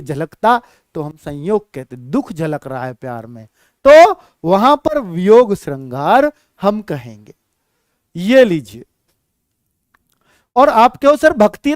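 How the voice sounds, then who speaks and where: A man teaching a Hindi exam-prep lesson, reciting verse lines slowly and then explaining them, often calling his students "beta". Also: very high voice, clear, resonant tone, no room sound, clean studio sound.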